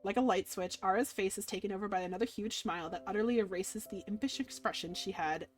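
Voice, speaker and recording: Speaking fast in a mid-range voice, a female streamer reads a visual novel's narration expressively and fawns over its characters. The playthrough has game music running in the background.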